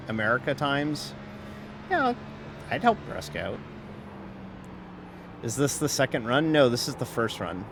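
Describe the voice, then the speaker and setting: Against a noisy background, a mid-range male voice carries a sim racer's casual live-stream chat. The talk wanders, laced with self-mockery, filler words and easygoing swearing.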